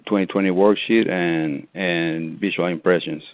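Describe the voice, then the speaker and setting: Deep-voiced man from Argentina, hesitant. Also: fairly even intonation, moderate pace, no echo. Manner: hesitant, with many ums and restarts. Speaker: interior designer guest. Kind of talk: casual interview answers. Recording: tinny phone-line audio.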